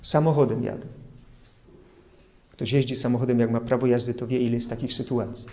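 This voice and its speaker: A man's voice: mid-range voice, level tone, a little fast, mellow, muffled recording. A man preaching an earnest sermon, illustrating his points with everyday examples. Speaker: priest.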